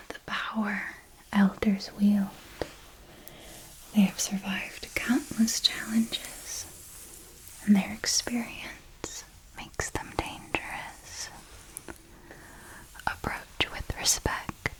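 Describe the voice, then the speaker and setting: A woman whispers as an elegant vampire mentor in ASMR roleplay, her breathy hush mid-range and steady, every word very slow and deliberate. She is refined, patient and knowing, instructing like a teacher leading a pupil in a hushed tone. It's a low-quality recording.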